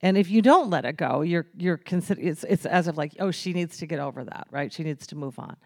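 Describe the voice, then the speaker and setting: A woman's voice: deep voice, animated, a little fast, dry recording, clean studio sound. A woman author speaking earnestly and thoughtfully in a conversational interview.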